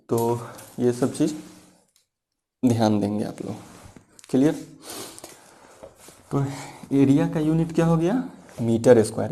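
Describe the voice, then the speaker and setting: A man's voice: medium pitch, warm tone. A man teaching a physics class, explaining step by step, repeating key points and asking rhetorical questions. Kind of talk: classroom lecture.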